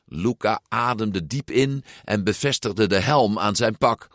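Male storyteller, slow, expressive, lowish voice, dry close sound. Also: no echo. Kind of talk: storybook read-aloud narration.

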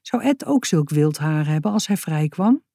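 A woman narrating a children's storybook in a clear, even reading voice. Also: deep voice, normal speed, dry recording, studio quality.

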